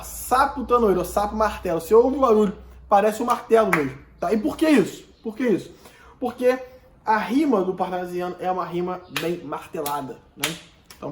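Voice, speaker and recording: A Brazilian man, a literature teacher, explaining a poem in a recorded lesson, often checking in with "né?" and reading verses slowly. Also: high-pitched, reverberant. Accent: Brazilian Portuguese. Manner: reads verses aloud slowly, then explains with many "né?" checks.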